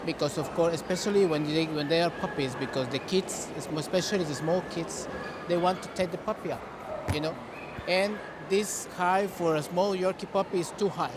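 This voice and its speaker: A fairly high-voiced man from Costa Rica answers interview questions about breeding dogs, earnest and often restarting his words. He is recorded outdoors with clear traffic and ambient noise behind him. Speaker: dog breeder and exhibitor. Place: outdoors at a dog show.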